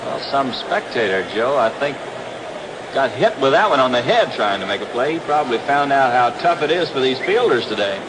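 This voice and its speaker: An American man calls live baseball play-by-play in short, clipped phrases on a 1960s radio broadcast from an outdoor ballpark. His voice sits at medium pitch with big swings and a slightly fast pace. The old recording is very noisy.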